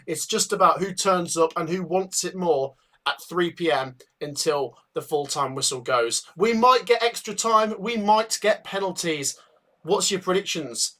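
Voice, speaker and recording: A man in his thirties with a high-pitched voice hosts a live football watch-along. He chats casually, reads out viewer predictions and thanks donors with enthusiasm. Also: moderate pace. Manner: chatty, reads viewer comments aloud, thanks donors warmly. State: out of breath. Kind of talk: casual live-stream chat.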